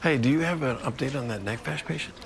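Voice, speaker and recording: Casting: man playing senior attending physician, gravelly voice, dry authority, naturalistic TV drama, slight background noise. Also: medium pitch, fast, natural voice. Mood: brisk, commanding. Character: wry, authoritative male senior attending doctor. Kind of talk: naturalistic TV medical drama acting.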